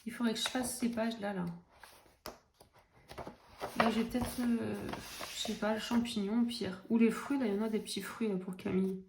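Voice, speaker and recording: A woman's voice: medium pitch, fairly even intonation, moderate pace, creaky, pauses often. A young adult woman chatting casually and jokingly about her coloring books, with lots of fillers. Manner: chatty, self-mocking, many fillers. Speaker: coloring vlogger. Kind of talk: casual chat. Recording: echoey room, faint noise.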